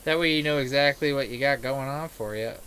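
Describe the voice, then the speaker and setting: This game streamer talks briskly in a medium pitch with a sharp tone. His commentary wanders, full of crude jokes and profanity, and he performs the lines he quotes. The recording carries clear background noise.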